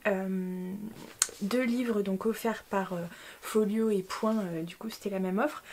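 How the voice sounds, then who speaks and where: A woman's voice: fairly high pitch, a little mellow. Chatty young French woman vlogging. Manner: chatty, self-mocking, many fillers and restarts. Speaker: book vlogger. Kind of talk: casual chat to camera.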